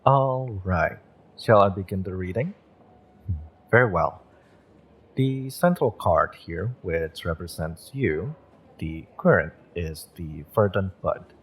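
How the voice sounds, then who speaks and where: In an intimate audio roleplay, a man plays a gentle, encouraging magick shop owner who reads tarot, speaking in a measured, mystical, reassuring way. His deep, husky voice is animated, a full character voice.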